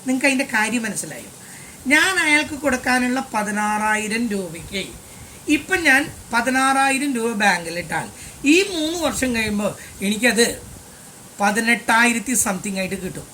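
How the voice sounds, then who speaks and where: A man's voice: very high voice, lively intonation, normal speed, sharp tone, slight background noise. An older man, a maths teacher, giving a lesson as a chatty, digressive personal story and slipping in English phrases.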